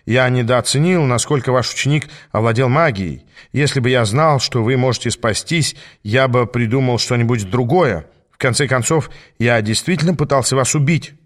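A man reading the part of a sly male devil who turns shrill and panicky when pressed, in an audiobook. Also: normal speed, hardly any pauses, natural voice. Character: fussy, sly, easily rattled male devil.

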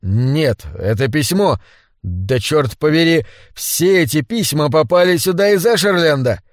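Brief: man voicing a persistent, hard-nosed young man, slightly high voice, dry close mic. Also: expressive, unhurried, no room sound. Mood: insistent. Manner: blunt, persistent questioning. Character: stubborn, insistent young man. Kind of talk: audiobook character voice.

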